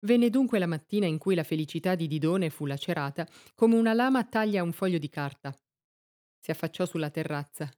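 Woman reading a story aloud, lowish warm voice, measured and expressive. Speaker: narrator. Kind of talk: scripted storybook narration.

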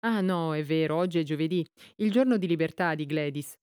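A woman voicing a jovial, decisive woman of fifty-five with a deep, booming voice, in an audiobook. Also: fairly quick, a little mellow, smooth, no room sound, studio quality, lightly acted. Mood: hearty, decisive. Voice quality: booming baritone voice.

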